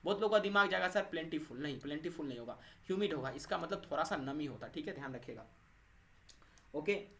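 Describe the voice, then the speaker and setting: A man's voice: on the high side, expressive, fast, bright, forceful tone. A man teaching English vocabulary for exams, asking and answering his own questions and checking in with the viewers after every point. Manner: repeats 'thik hai' and 'doston' after each point, asks and answers his own questions. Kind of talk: exam-prep vocabulary lesson.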